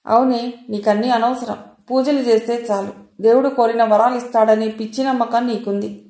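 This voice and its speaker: A woman voicing a sharp-tongued, cynical older woman who scolds and lectures in an audio novel. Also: on the high side, steady tone, moderate pace, reverberant, lightly acted. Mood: lecturing.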